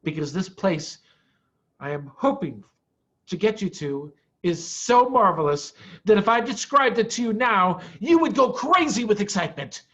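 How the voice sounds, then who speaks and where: A man voicing a proud, excitable father fox from a storybook, theatrical and emphatic. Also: high-pitched, normal speed, voice pushed up. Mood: teasing, fond. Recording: dull, muffled lo-fi audio.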